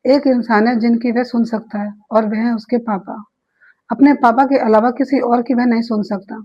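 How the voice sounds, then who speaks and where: Woman voicing a calm young man in a storybook. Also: on the high side, normal speed, slightly rough, muffled recording. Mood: calm, reassuring.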